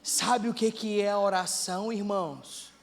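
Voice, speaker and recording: A male pastor preaching a sermon with passion, moving from quiet talk to shouted prayer. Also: sits high, steady tone, a little slow, big-room sound. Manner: impassioned, swings from quiet to shouting. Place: church.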